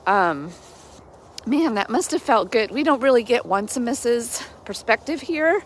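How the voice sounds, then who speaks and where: Slow-paced woman in a casual outdoor devotional. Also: fairly high pitch, expressive, slight background noise. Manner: halting and conversational, thinking aloud with self-corrections. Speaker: vlogger giving a daily devotional. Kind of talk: casual reflective devotional talk. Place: outdoors among trees in light rain and snow.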